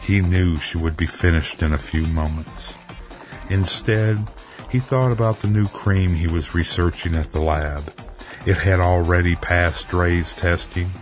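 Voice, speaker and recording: Deep-voiced male story narrator. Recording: faint music underneath.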